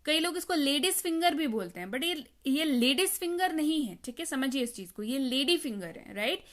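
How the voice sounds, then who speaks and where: A woman's voice: high voice, animated, normal speed. A woman gives a patient vocabulary lesson. She says each word twice and asks the listener to repeat it back. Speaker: teacher. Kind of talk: spoken English vocabulary lesson.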